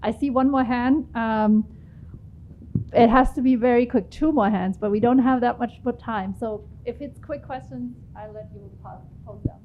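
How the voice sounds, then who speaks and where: Woman moderator taking questions, brisk, faint rumble behind. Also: fairly even intonation, narrow, tinny audio. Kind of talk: moderating a panel.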